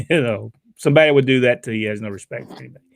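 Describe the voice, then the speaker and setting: A man's voice: mid-range voice, vocal fry, no echo, clean studio sound. An older man, hosting a casual talk show, reading out questions and telling folksy stories with many filler sounds. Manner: folksy storytelling with frequent uh fillers. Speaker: podcast host reading viewer questions. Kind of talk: casual chat.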